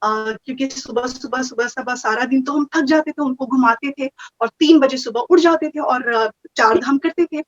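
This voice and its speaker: A woman telling a personal story in a casual, animated way, slipping English phrases into her talk. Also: high voice, normal speed, few pauses. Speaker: guest sharing experiences. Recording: muffled, dull audio.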